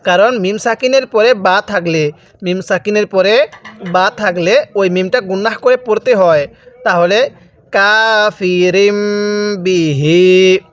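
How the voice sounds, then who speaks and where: A man with a high-pitched voice teaches Quran recitation step by step. He spells out the letters, then recites the words slowly and drawn out, posing questions to the viewer and answering them himself.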